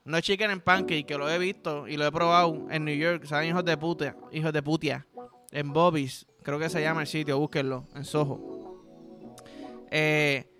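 A man's voice: fairly high pitch, steady tone, moderate pace, over music. A young Puerto Rican man hosting a podcast, telling crude stories in a joking, casual way. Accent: Puerto Rican Spanish. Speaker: podcast host. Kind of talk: casual solo podcast monologue.

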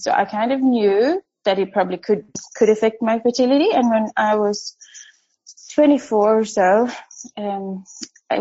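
A woman's voice: mid-range voice, warm tone, muffled recording. A woman from Sweden, chatting casually as a podcast guest, laughing often and saying um a lot. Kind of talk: casual interview chat.

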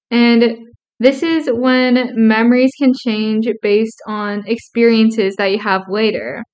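A woman's voice: a little high, smooth. A young woman co-hosting a podcast, earnestly explaining psychology concepts with a touch of dry sarcasm. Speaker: podcast co-host.

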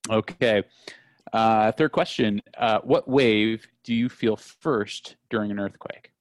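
A man's voice: fairly low pitch, slow, no room sound, studio quality. A man hosting a podcast, playfully quizzing his friends in casual chat. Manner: playful quizmaster, laughs often. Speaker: podcast host running a trivia quiz.

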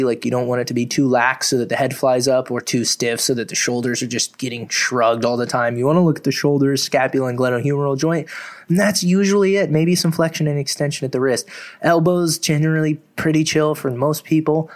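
A man, a fitness coach, giving casual advice in a chatty way, full of fillers and casual swearing. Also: mid-range voice. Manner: chatty, lots of "like" and "you know", swears casually.

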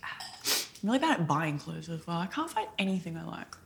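A woman's voice: fairly low pitch, very animated, moderate pace, creaky. A woman co-hosting a podcast, chatting casually with lots of fillers and self-deprecating asides. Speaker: podcast co-host. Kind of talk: casual chat.

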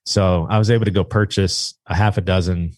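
A man casually telling a long story about training his hunting dog, rambling and animated, acting out what people said. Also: low-pitched, fairly quick, no echo. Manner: rambling, animated retelling with acted-out quotes. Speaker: guest, duck hunter and dog trainer. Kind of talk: casual storytelling in a podcast chat.

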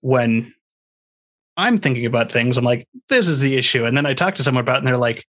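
A man's voice: mid-range voice, quick pace. A man hosting a podcast, chatting casually and sharing his own experiences. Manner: relaxed, conversational, shares personal anecdotes. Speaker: podcast host. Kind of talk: casual interview chat and podcast outro.

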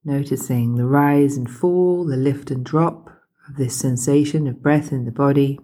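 A woman leads a calm grounding exercise as a meditation guide, speaking gently and unhurriedly with pauses in a husky, breathy voice. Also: rumbling low.

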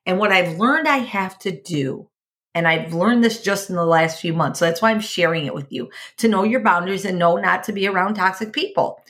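A woman's voice: mid-range voice, fairly quick, a bit bright. A middle-aged woman hosting a podcast, talking earnestly about her own life and giving advice, often repeating herself and restarting sentences. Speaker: podcast host. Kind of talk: personal advice monologue.

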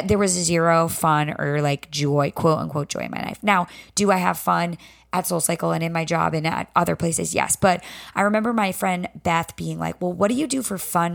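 A woman's voice: low voice, creaky, a bit bright. Chatty Southern woman podcast host. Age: 30s. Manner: chatty, rambling, self-deprecating. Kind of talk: casual solo podcast chat.

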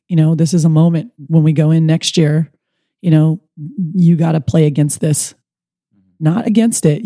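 Dark-voiced earnest baseball mental coach. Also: mid-range voice, no echo, clean studio sound. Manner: earnest, storytelling, animated retelling with quoted dialogue. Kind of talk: casual podcast conversation.

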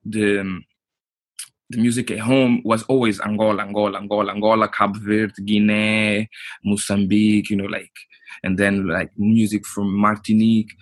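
Husky low-voiced man. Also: little pitch movement, no echo. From Portugal. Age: 30s. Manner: halting, restarts often, many "you know, like". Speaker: guest. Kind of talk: casual interview.

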